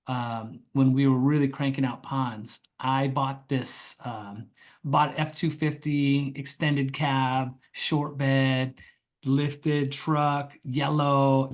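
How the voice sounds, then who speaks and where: A man telling a story as the guest in a podcast interview. His delivery is casual and animated, he acts out the voices in his story and swears freely. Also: medium pitch. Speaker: guest, pond construction company founder.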